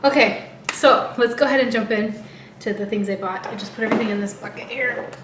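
An American beauty vlogger in her thirties, heavily pregnant and a little out of breath, chats informally to camera in her living room at home. She talks fast in a steady, high-leaning voice. The camera sits a short distance away, picking up a roomy echo and light background noise.

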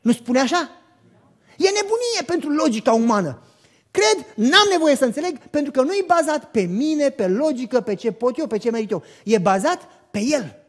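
A male pastor preaching a sermon in church, animated, asking the congregation rhetorical questions and acting out dialogue as he tells stories. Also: very high-pitched. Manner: acts out dialogue in lively storytelling.

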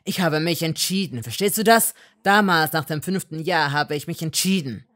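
A woman's voice: extremely low pitch, slow, gravelly, pitched below the performer's own voice, heavily acted. A woman reading a fan story and voicing a cold, bitter young wizard who growls curt, scornful replies. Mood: angry, scornful.

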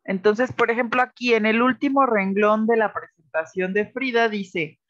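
A woman's voice: on the high side, moderate pace, dry recording, highs cut off. A woman teacher with a Mexican accent giving patient, explanatory feedback in an online class, often checking that the students follow. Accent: Mexican Spanish.

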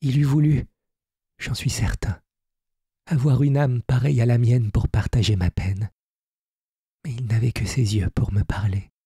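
A man's voice: mid-range voice, steady tone, measured pace, long pauses, warm tone, breathy edge, dry recording, studio quality. A man voicing a grown man in an audiobook who speaks to a fairy in an earnest, sorrowful way. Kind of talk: audiobook character reading.

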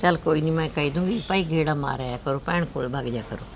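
An older woman playing a frail, loving village grandmother who gently consoles her daughter in a family drama. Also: medium pitch, brisk, creaky, lightly acted. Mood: consoling.

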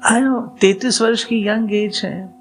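A woman spiritual speaker telling a true story in a slow sermon-like talk, acting out the voices of the people in it. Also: on the high side, fairly even intonation, slight background noise, poor audio.

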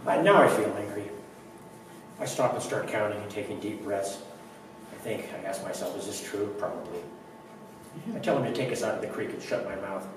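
A man's voice: on the low side, recorded from a distance. Guy doing a dry, wry poetry reading, mic way back, big echoey room, some background hum. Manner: wry, measured storytelling with dry humor. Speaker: poet reading his work. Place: public library reading.

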